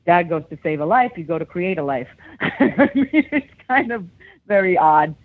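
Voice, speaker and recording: Heard over a tinny phone connection, a middle-aged actress from the United States talks casually with an interviewer in a fairly low voice at a moderate pace. She is an animated storyteller who acts out what people said and frequently breaks into laughter.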